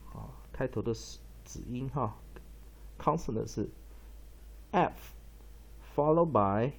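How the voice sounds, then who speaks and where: A male English teacher giving a pronunciation lesson, explaining at length with many drawn-out fillers and reading dictionary entries aloud. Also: medium pitch, darkish tone, slightly rough. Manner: reads dictionary entries slowly.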